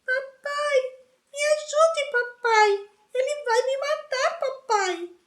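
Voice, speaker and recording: A woman voicing a bullying teenage boy who taunts his cousin, sometimes in a mocking, wailing falsetto, in a storybook reading. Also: slow, a bit bright, roomy sound, exaggerated voice.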